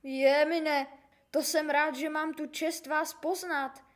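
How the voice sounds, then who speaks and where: A woman's voice: high-pitched, steady tone, natural voice. A woman voicing a kind, chatty middle-aged male postman in a storybook reading, polite and eager, rattling off teasing insults. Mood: delighted. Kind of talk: storybook character voice.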